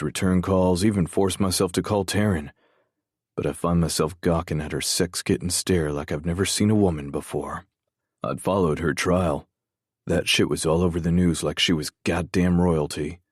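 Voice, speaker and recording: A man narrating a first-person romance audiobook in a measured, brooding way, swearing freely. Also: low voice, a little mellow, no echo, studio quality.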